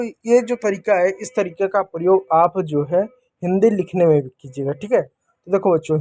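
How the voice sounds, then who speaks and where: A man with a fairly high voice leads a children's reading lesson. He sounds out each syllable slowly, repeats it and quizzes the listener. The recording is dry and close. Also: a little mellow, dry recording. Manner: patient, repeats syllables slowly and asks questions back. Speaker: teacher.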